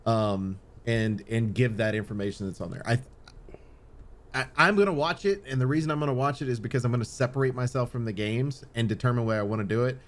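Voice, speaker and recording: Hosting a podcast, a man speaks at a medium pitch and a brisk pace. His talk is casual and opinionated, wandering and returning to the same points, peppered with casual swearing.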